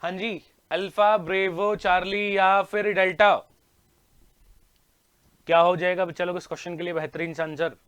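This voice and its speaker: High-voiced energetic Indian man teaching. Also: moderate pace, smooth, no room sound. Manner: energetic, repeats questions to students, Hindi mixed with English words. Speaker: English vocabulary teacher. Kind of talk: online exam-prep class.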